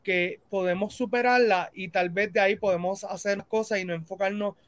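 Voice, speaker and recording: Interview host, mid pitch, casual, thinks aloud, mixes in English. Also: steady tone, normal speed, no echo.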